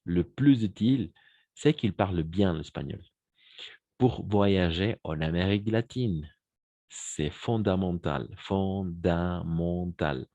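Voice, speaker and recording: A man teaching French to Spanish speakers, who repeats phrases slowly and switches into Spanish to explain. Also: deep voice, animated, warm tone, no echo, highs cut off.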